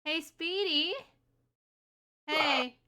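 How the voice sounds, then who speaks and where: A woman's voice: high-pitched, extremely slow, background noise. A young adult woman hosting a live stream, chatting casually and teasing, laughing often. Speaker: livestream host.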